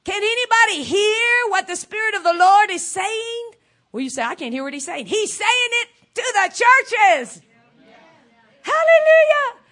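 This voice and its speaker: A woman with a high voice delivers an evangelical sermon in the manner of a fervent preacher. She stresses her points emphatically and repeats key phrases to drive them home. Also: animated, normal speed, sharp tone.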